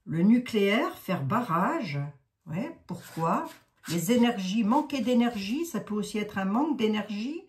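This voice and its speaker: A woman's voice: medium pitch, expressive, a little slow, darkish tone. Chatty sixty-something woman with a Lorraine accent. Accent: Lorraine French. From Lorraine, France. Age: 60s. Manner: chatty, rambling, many asides and fillers. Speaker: card reader, psychic. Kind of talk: casual oracle card reading.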